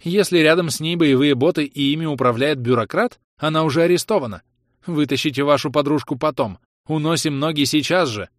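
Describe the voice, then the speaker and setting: A man's voice: fairly high pitch, a little fast, no room sound, studio quality, voice pushed up, natural voice. A man reading the part of a normally cold woman scientist who snaps orders and curses. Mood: commanding. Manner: sharp, cursing, shouting orders. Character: usually cold female scientist, now furious.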